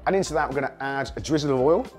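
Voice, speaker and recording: A man hosting a casual cooking demonstration, hoarse from a cold, chatting enthusiastically to viewers as he cooks. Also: mid-range voice, racing, a little mellow, faint music behind. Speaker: cooking show host.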